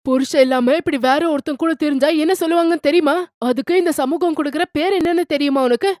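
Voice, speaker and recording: A woman doing a loud, scolding mother. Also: sits high, quick pace, no room sound, studio quality, voice pushed up, lightly acted. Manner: loud, reproachful. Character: harsh mother scolding her grown daughter.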